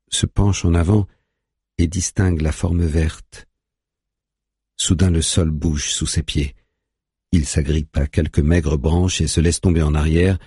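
A man narrating an audiobook in a steady, measured way. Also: a bass voice, husky, dry recording, studio quality.

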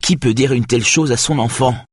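A man's voice: mid-range voice, fairly quick, slightly rough, no room sound, pitched above the performer's own voice, close to an everyday voice. A man voicing a distraught middle-aged mother who pleads in a strained voice in an audiobook. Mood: pleading.

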